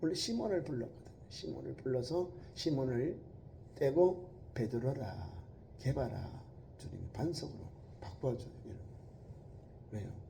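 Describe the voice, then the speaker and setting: A man, preaching a sermon as pastor. He moves between loud, emphatic quoted lines and low, quiet asides. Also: expressive, unhurried, gravelly, pauses often, a little hiss or hum.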